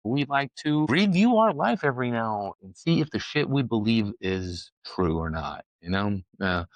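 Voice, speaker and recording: A man's voice: medium pitch, sing-song, normal speed, dry recording, muffled recording. A man from Ukraine in his forties hosting his own podcast, talking bluntly and profanely in a rambling monologue full of restarts. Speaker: podcast host. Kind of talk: casual opinionated monologue.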